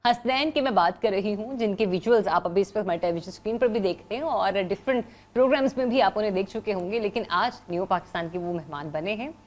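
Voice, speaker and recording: A young woman with a Pakistani accent hosting a TV morning show, chatty and lively, slipping English words into her talk. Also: medium pitch, quick pace. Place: TV studio.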